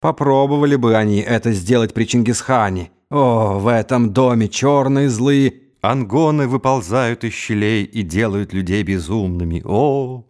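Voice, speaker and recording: A man's voice: mid-range voice, moderate pace, hardly any pauses, a little mellow, natural voice. A man voicing a drunken, raging young Mongol khan who is suspicious and given to wailing outbursts. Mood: wild, drunken.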